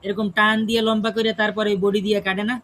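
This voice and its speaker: A man's voice: high voice, level tone, fast, bright, forceful tone, a little hiss or hum. A man teaching a class how to pronounce Quranic recitation. He demonstrates the sounds aloud and keeps checking in with his students. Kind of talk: classroom pronunciation lesson.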